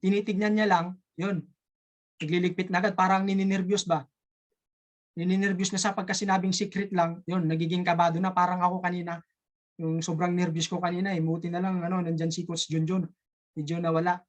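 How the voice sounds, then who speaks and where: Halting Ilonggo storyteller. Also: medium pitch, little pitch movement, dull audio. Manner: halting, searching for words mid-sentence. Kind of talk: casual spoken storytelling.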